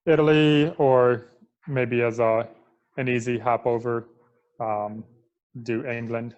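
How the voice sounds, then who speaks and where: A man from Michigan chatting as a podcast guest, relaxed and full of "like" fillers. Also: mid-range voice, slow pace, highs cut off. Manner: relaxed, filler-heavy, lots of "like". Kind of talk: casual interview chat.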